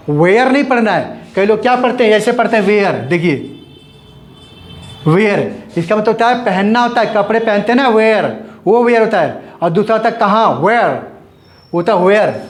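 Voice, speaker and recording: A man gives a grammar lesson in a high voice. He repeats each point, asking questions and answering them himself. The room is echoey. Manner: repetitive, explains step by step, asks and answers his own questions. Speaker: English grammar teacher.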